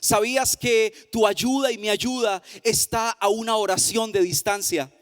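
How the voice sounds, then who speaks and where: A man preaching a sermon as pastor, in a sing-song cadence that slows down for emphasis. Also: sits high, steady tone, long reverb tail, soft background music. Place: church hall.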